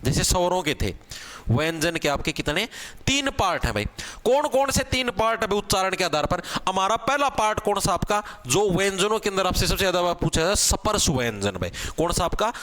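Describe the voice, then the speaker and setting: A man teaching an exam-prep grammar class, casual, asking questions and answering them himself, sounding out letters slowly. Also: high-pitched, big pitch swings, fairly bright tone. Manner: spells out sounds slowly, one at a time. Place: online class video.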